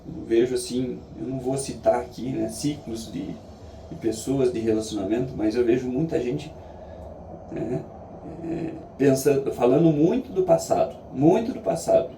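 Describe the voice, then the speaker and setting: A Brazilian man giving a reflective, casual monologue in an earnest, halting way, often checking in with short tag questions. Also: mid-range voice, mellow. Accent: Brazilian Portuguese. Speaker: vlogger sharing daily reflections. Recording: echoey, distant mic, faint background noise.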